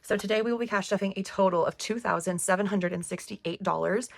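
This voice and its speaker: Speaking quickly at a medium pitch with vocal fry, a woman in her thirties who is losing her voice chats to camera as a budgeting vlogger. She's upbeat and laughs often, and the recording is dry.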